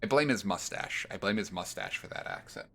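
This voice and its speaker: A man's voice: low voice, big pitch swings, a little fast, creaky, pushed and bright, slight background noise. A man streaming a video game, chatting casually in a playful, jokey way and reading the game's dialogue aloud. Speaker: gaming streamer. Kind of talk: casual gaming commentary.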